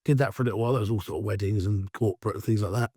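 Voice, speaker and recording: Croaky middle-aged man with an Essex accent. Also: on the low side, fairly even intonation, very fast, no echo, studio quality. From Essex, England. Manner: rambling, chatty, self-styled loudmouth. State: croaky, allergy-hoarse voice. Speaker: guest. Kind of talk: casual interview chat.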